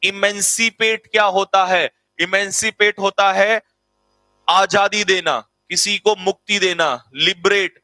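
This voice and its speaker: High, bright-voiced energetic male teacher. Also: slow pace, no echo. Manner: energetic, addresses students as beta, spells words letter by letter, repeats answers. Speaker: online vocabulary teacher. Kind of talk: live online lesson.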